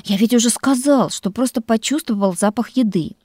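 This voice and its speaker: A woman voicing a cheeky young male student who whines and flatters to get fed. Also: fairly high pitch, moderate pace, no echo, studio quality, pitched above the performer's own voice, close to an everyday voice. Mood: chatty. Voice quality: wheedling, whiny when pleading. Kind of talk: audiobook character voice.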